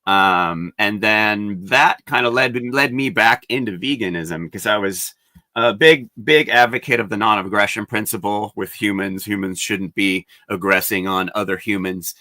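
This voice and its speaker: A man's voice: lowish voice, unhurried, no echo. Man, forties, podcast host, rambling casual talk, dry close sound. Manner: relaxed, rambling, many fillers. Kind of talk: casual interview conversation.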